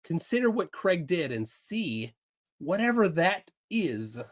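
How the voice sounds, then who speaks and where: A man giving conversational commentary on a debate in a played clip, measured in tone. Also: sits high, very animated.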